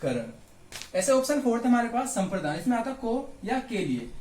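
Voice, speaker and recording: A man's voice: extremely high pitch, sing-song, moderate pace, a little mellow, roomy sound. A man with a Hindi accent teaching Hindi grammar by walking through exam questions, posing questions and answering them himself. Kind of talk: exam question walkthrough lesson.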